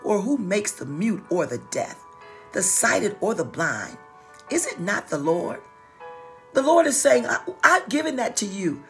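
Faint music plays behind a middle-aged woman pastor whose mid-range voice is sing-song, a bit bright and a little slow. She's livestreaming an informal sermon from a small wood-paneled office, with a slight stutter and emphatic repetition of phrases.

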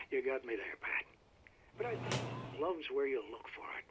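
A man's voice: medium pitch, a bit bright, a little hiss or hum. An actor playing a wry male radio guest in a game who argues his point bluntly. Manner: wry, argumentative. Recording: slightly dull game radio audio.

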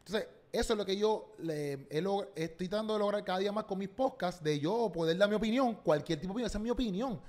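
Fast-talking Puerto Rican man, animated storyteller. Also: high voice. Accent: Puerto Rican Spanish. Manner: animated, slangy storytelling, acts out quotes. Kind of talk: casual podcast chat.

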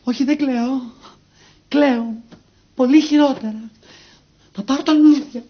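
A man's voice: extremely high pitch, steady tone. An actor playing a clumsy lovesick man who talks hesitantly, mumbling with many fillers. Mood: mopey. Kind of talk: TV sketch comedy acting. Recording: dull TV broadcast sound.

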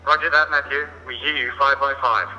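A man voicing a steady traffic dispatcher, heard over a two-way radio and keeping to clipped radio protocol. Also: medium pitch, fairly quick, big-room sound, low-quality recording. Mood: businesslike.

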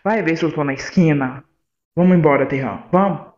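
This is a man bantering at home in a vlog, with a fairly high voice. He talks bluntly and throws out sharp retorts. The sound is dull and lo-fi. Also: moderate pace. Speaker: vlogger, partner of the host.

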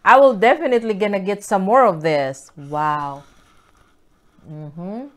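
A woman hosting a casual eating vlog, chatty and excited, with drawn-out exclamations between bites. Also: medium pitch. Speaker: mukbang vlogger.

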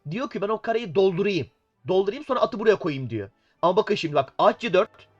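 High-voiced man with a cold analyzing chess. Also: animated, fast talker. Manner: playful, gives the pieces voices. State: has a cold. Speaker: chess commentator. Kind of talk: casual chess game analysis. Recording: dull sound with faint music.

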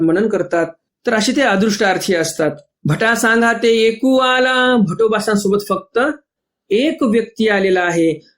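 High-voiced man preaching a slow sermon. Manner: reads verses slowly then explains in plain talk, repeating phrases. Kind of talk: sermon explaining scripture.

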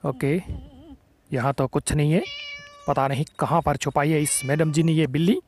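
A young man hosting a gaming channel, giving excited, teasing gameplay commentary full of playful taunts. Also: a little high, normal speed, a little hiss or hum.

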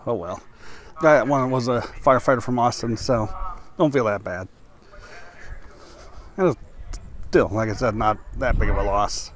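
A middle-aged man vlogging to his phone camera at an outdoor auction, talking in a wry, low-key way. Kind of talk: casual commentary to camera. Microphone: phone camera held close. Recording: crowd noise outdoors. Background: auction crowd chatter.

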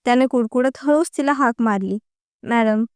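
A woman narrating a story in an even, unhurried reading voice. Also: on the high side, clear, resonant tone, dry recording, clean studio sound.

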